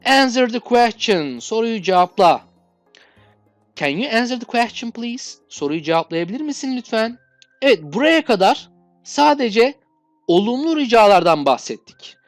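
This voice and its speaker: A woman's voice: fairly high pitch, sing-song, dry recording, soft background music. Patient woman teaching English phrases. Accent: Turkish. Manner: patient, reads English phrases slowly and clearly. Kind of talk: explaining English requests in Turkish.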